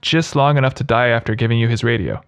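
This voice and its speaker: A man's voice: medium pitch, fast talker, fairly bright tone, clean tone. A man narrating scripted humorous commentary as a video host, in a sarcastic, mocking manner.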